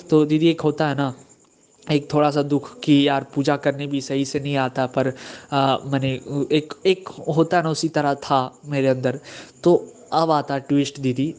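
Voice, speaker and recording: A young man speaks in a voice pitched a little high for a man. He tells his story earnestly, stumbling and repeating himself as he goes. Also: darkish tone. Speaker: devotee sharing experience. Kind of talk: personal testimony.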